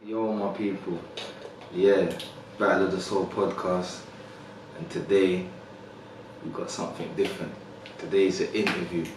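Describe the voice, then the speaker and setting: Deep, flat-voiced male podcast host. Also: a little slow, long pauses, heavy reverb, recorded from a distance, noisy background. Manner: easygoing, frequent "like" and "yeah". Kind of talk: casual interview.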